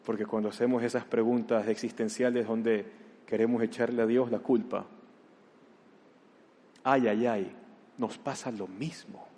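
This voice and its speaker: A man preaching a sermon as pastor, dropping to a hush and then rising to loud outbursts. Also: medium pitch, fairly even intonation, measured pace, pauses often. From Ecuador. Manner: dramatic, swings from hushed to loud. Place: church hall. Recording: long hall reverb.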